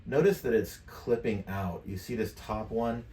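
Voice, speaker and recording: A middle-aged man with a lowish voice walks through a software tutorial step by step at a normal speed, speaking informally and thinking aloud as he clicks. He records indoors at a computer desk in his home studio, using a USB microphone set some distance from his mouth. The room is echoey and background noise is clearly audible.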